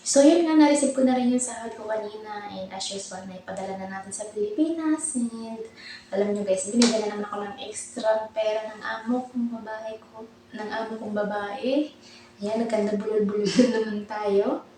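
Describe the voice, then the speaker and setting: A woman's voice: mid-range voice, moderate pace, mellow, slight background noise. A woman vlogging in casual chat, rambling and laughing at herself, a little out of breath. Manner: chatty, rambling, self-laughing. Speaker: vlogger, overseas domestic worker. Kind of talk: casual chatty vlog. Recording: echoey room, mic at a distance.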